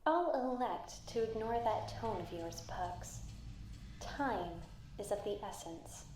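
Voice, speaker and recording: A woman voicing an ailing, stern and motherly matriarch in a video game, warm and solemn through a static-laced speaker. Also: mid-range voice, lively intonation, slow pace. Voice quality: warm, tender. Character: ailing motherly mushroom matriarch, tender but commanding. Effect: crackling intercom speaker static. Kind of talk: dramatic video game voice acting. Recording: echoing, staticky intercom sound.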